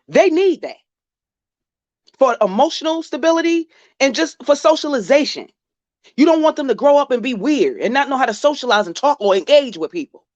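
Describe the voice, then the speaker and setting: Speaking straight to the subject of her criticism, this woman vlogger is blunt, profane and scolding in a casual reaction clip. Her voice sits high, and the dry audio has its top end trimmed.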